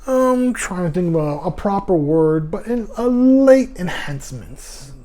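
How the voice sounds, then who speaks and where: A man's voice: high-pitched, big pitch swings, measured pace, mellow. A man with a lisp hosting a casual solo music podcast, rambling and stumbling over foreign names, calling his listeners "y'all". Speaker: podcast host.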